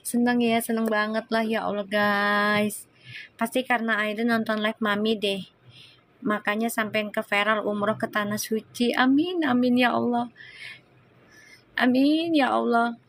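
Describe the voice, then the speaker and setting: A woman's voice: on the high side, fairly even intonation, unhurried. A woman tarot reader chatting on a live stream, effusive and full of exclamations of praise. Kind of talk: casual live-stream chat.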